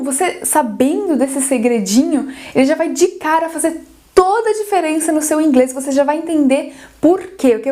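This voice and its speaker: A woman's voice: sits high, a little mellow. A woman teaching English pronunciation in an online lesson, explaining step by step and checking in with a frequent "ok?". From Brazil.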